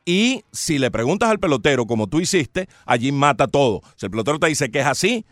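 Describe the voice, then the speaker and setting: A man talking as a sports commentator on a studio panel, measured and deliberate, pausing often with hesitations. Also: mid-range voice, big pitch swings, fairly bright tone, dry recording.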